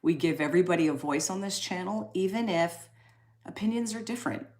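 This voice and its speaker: A woman's voice: on the low side, expressive, brisk, darkish tone. A woman in her forties from Canada, hosting a live stream and chatting casually as she reads viewers' comments aloud, upbeat and often laughing. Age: 40s. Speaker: livestream host.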